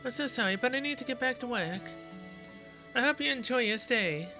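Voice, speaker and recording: A man voicing a gentle, polite young woman servant who speaks softly and a little nervously. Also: very high-pitched, expressive, brisk, music in the background. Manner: soft-spoken, courteous, slightly nervous.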